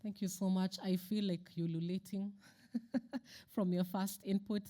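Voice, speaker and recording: A woman moderating a conference panel, measured and sometimes searching for words. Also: mid-range voice, fairly even intonation, warm tone.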